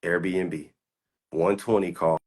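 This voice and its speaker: A man's voice: low-pitched, steady tone, slow pace, darkish tone, husky. A man in his twenties from the United States, a stock trader giving a boastful, profane, confrontational rant while showing his screen. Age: 20s.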